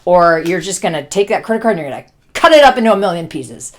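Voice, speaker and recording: A woman's voice: lowish voice, sing-song, quick pace. A woman giving a casual tarot reading, blunt and joking, swearing freely. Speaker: tarot reader.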